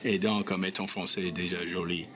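Low-voiced male campus interviewer. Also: flat delivery, a little fast. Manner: hesitant, conversational, with frequent fillers. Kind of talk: on-the-street interview. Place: university campus, busy common area. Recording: crowd chatter behind.

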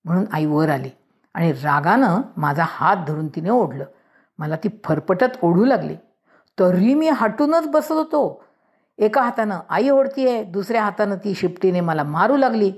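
A woman reading a storybook aloud in a lively way, acting out each character's voice. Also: mid-range voice, unhurried.

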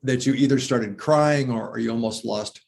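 Speaking at normal speed in a mid-range voice that is creaky and a little mellow, a guest who used to teach anatomy chats casually about muscles and breathing. He is enthusiastic and detail-heavy, reeling off the names of muscles.

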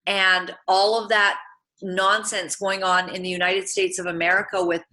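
Woman talk show host, bright tense voice, emphatic and defensive. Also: mid-range voice, level tone, moderate pace, low-quality recording. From Uganda. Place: Vancouver area.

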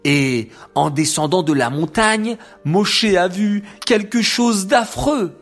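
A woman narrating a scripted children's story in an expressive storybook manner. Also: medium pitch, slow pace, faint music behind.

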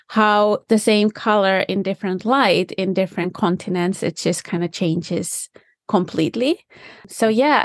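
A Finnish design specialist, a guest whose first language is Finnish, gives conversational interview answers with thought and enthusiasm, occasionally hunting for the right word. Her voice is mid-pitched. She's on a remote call from home, and the recording is dry with almost no room sound.

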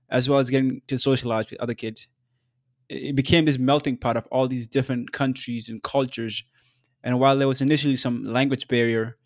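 A man in his twenties from South Sudan, hosting his own podcast in an earnest, measured solo narration with occasional fillers. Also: mid-range voice, no room sound, studio quality. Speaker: podcast host.

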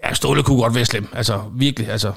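Guest, middle-aged man, gravelly voice, ex-referee telling stories with acted-out quotes. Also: medium pitch. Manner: animated storyteller acting out quoted exchanges. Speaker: former football referee, guest. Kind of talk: conversational anecdote telling.

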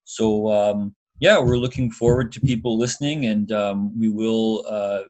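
Male, middle-aged, fairly low voice, casual podcast co-host, hesitant, thinking aloud. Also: steady tone, a little slow, darkish tone, rough recording. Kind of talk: casual chat.

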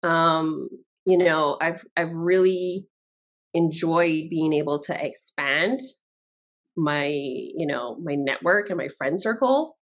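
A woman's voice: sits low, slow. A woman from Barbados, a guest chatting casually in an interview and laughing often.

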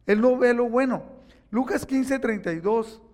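A man's voice: very high-pitched, measured pace. A man preaching a sermon, telling stories animatedly and acting out the quotes. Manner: animated storytelling with acted-out quotes. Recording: echoey hall reverb.

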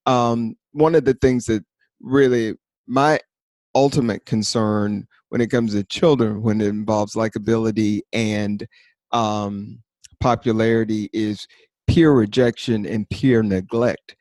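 A man co-hosting a podcast in casual chat, rambling and animated, with many fillers and restarts. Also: fairly low pitch, slow, no echo. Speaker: podcast co-host.

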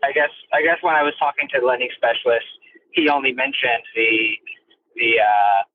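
A man calling in from his car on a speakerphone while driving, asking questions with many halting restarts. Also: medium pitch, fairly even intonation. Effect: car speakerphone call while driving. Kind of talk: casual question to a host. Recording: tinny phone-line call with faint noise.

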